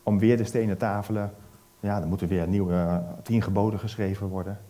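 Lively preacher telling a story. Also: male voice, lowish voice, fairly quick. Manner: lively storyteller, asks the listeners questions. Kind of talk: sermon retelling a Bible story.

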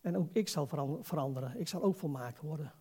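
A man's voice: a little high, animated, quick pace, warm tone, husky. A man preaching an informal, conversational sermon as a pastor, exhorting his listeners and putting rhetorical questions to them.

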